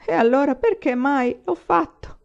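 A woman reading aloud voices a drunk young male army lieutenant who talks loudly and boastfully. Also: fairly high pitch, lively intonation, normal speed, pitched above the performer's own voice. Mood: drunken, blustering. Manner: loud, boastful, sobbing and angry by turns. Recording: slightly dull, lo-fi recording.

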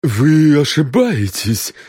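A man's voice: medium pitch, sing-song, slow, no room sound. Desperate cardsharp, trembling pleas, male reader, dry close sound. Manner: pleading, shaky.

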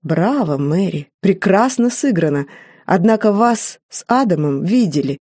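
A woman's voice: on the low side, lively intonation, measured pace, a little mellow, husky. A woman voicing a man who ironically accuses a maid, in a pointed way. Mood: ironic.

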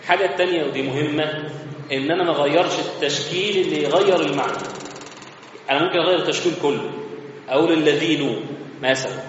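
Fast-talking Egyptian man teaching in an echoey mosque. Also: fairly high pitch, a little hiss or hum. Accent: Egyptian Arabic. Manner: explains step by step, conversational. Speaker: religious teacher. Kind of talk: mosque lesson. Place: large mosque hall. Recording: echoey mosque hall, slightly muffled.

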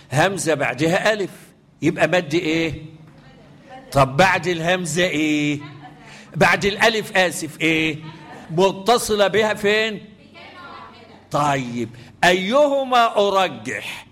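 An Egyptian Arabic-accented man leads a Quranic recitation lesson in an expressive, unhurried way, his fairly high voice a bit bright and broken by long pauses. Call-and-response questions to his students alternate with melodically chanted verses.

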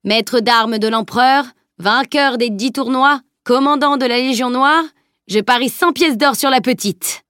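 Woman doing a jovial male warrior, slow, grand, raised voice. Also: on the high side, a bit bright, smooth, no room sound, studio quality, voice pushed up. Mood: grandly teasing.

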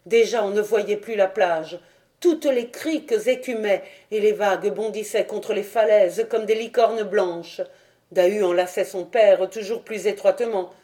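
Woman audiobook reader, mellow warm tone, dramatic storytelling, mid pitch. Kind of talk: scripted narration of a legend.

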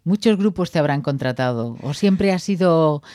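A woman's voice: low voice, expressive, moderate pace, mellow, no echo, studio quality. A woman hosting a radio interview, prompting her guest and finishing her sentences.

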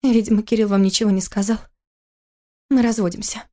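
A woman reading the part of a hurt young pregnant wife with a bitter, quietly sad manner. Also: medium pitch, fairly even intonation, brisk, natural voice.

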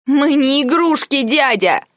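A woman's voice: on the low side, a little slow, dry recording, clean studio sound. A woman reading the lines of a distraught young noblewoman arguing with her uncle in an audiobook. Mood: upset, shouting. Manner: pleading, then shouting in anger. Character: angry, hurt young noblewoman heroine.

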